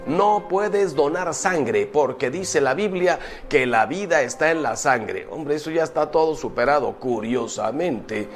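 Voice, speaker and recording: Priest giving a sermon, asks lots of questions, gets really animated, faint music under it. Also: male voice, mid-range voice. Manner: emphatic, questioning, animated preaching.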